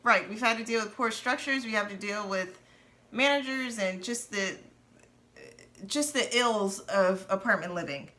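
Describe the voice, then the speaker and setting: A woman in her thirties speaks in a bright, clear voice, relaxed and conversational. She is candid and earnest as she lays out her story, casual rather than polished. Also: mid-range voice, measured pace. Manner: earnest, candid, laughs nervously at times. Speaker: co-host of a personal finance channel.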